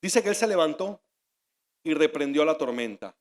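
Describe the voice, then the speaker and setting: A male pastor preaching a sermon, swinging from hushed asides to loud outbursts. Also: on the high side, moderate pace. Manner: animated, shifting between shouts and hushed asides. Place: church hall. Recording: long reverb of a large hall.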